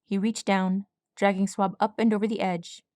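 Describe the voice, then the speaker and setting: A woman's voice: medium pitch, little pitch movement, moderate pace, a little mellow, no echo, clean studio sound. A woman reading fan fiction aloud as an audiobook, with dramatic storytelling narration. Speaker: audiobook reader.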